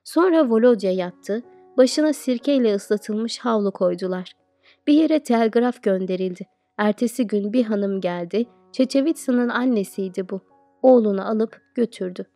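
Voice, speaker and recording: A woman teacher reading an audiobook aloud, narrating in a steady, expressive storytelling way. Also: medium pitch, normal speed, no echo, faint music behind.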